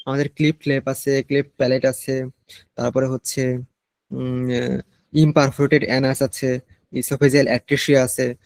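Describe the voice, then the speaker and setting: A Bangladeshi Bengali-accented man teaching a nursing class, explaining slowly and mixing in English medical terms. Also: fairly high pitch, darkish tone, no echo. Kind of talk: online class lecture.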